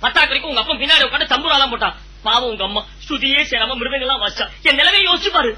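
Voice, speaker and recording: A man playing a broke music teacher and squabbling husband, full of quick punning comebacks, in a comedy audio drama. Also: very high-pitched, animated, bright, forceful tone, exaggerated voice, poor audio. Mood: bickering.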